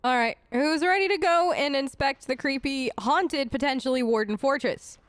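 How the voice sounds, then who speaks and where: A woman streamer role-plays her character in a fantasy game, offering casual, playful in-character commentary and chatting to companions and pets. Her voice sits high, her pace is moderate, and there's no room sound.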